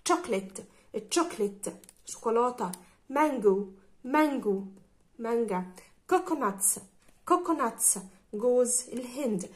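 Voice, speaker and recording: A woman English teacher with an Egyptian Arabic accent, leading a vocabulary drill and repeating each word slowly and clearly for her pupils. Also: a little high, animated.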